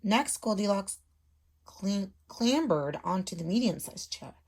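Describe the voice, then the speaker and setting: In a small room at home, a woman in her thirties acts as a teacher, reading a storybook aloud to children and explaining step by step. Her mid-range voice is a little mellow, with lively intonation and a slightly slow pace.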